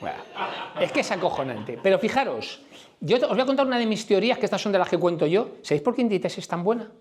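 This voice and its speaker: Here a middle-aged man from Madrid, Spain, gives a conference talk in front of a live audience, speaking quickly in a high voice with lively intonation. He's frank and informal, firing off questions to listeners.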